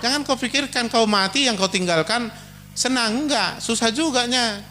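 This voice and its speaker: A male pastor, preaching a sermon in a lively, joking way and acting out everyday quarrels. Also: very high voice, moderate pace, soft background music.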